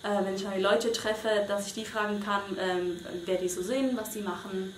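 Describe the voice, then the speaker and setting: A woman's voice: mid-range voice, fairly even intonation, moderate pace. Hesitant young woman, echoey room. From Switzerland. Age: young adult. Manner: hesitant, many fillers and restarts. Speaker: volunteer interviewee. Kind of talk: casual interview answers. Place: small bedroom indoors. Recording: echoey room with faint noise.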